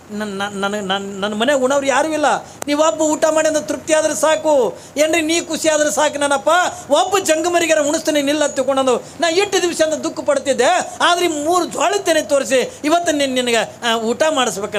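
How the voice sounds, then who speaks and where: Brief: man doing a tearful poor village woman, high voice. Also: moderate pace, slight background noise. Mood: pleading.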